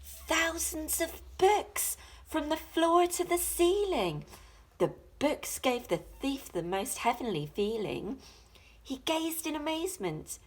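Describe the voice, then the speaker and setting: Woman reading a picture book, very animated. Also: high-pitched. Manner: dramatic, deliberate, rhythmic rhyme reading. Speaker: teacher reading a storybook. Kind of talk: expressive children's picture book narration.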